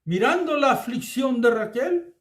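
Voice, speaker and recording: Man, Bible teacher, earnest sermon, high voice, echoey room. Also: animated, a little slow, a bit bright. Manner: earnest, addresses listeners as beloved.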